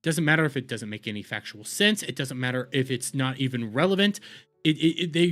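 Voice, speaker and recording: A man with a fairly high, somewhat bright voice hosts a reaction video, delivering an angry commentary rant that is heated, profane and repetitive.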